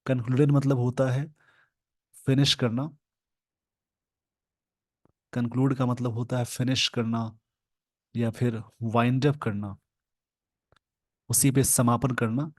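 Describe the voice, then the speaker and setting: A man with an Indian accent teaching English in Hindi, explaining an editorial word by word and slowing down to read the English phrases. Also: mid-range voice, steady tone, dry recording. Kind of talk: Hindi-language English lesson reading an editorial.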